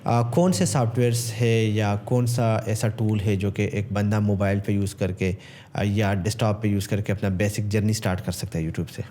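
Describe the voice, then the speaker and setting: A man from Pakistan hosts a relaxed interview, his low, mellow voice steady and encouraging. He mixes English phrases into his questions as he draws out his guest. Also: normal speed. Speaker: interview host. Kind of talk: casual interview.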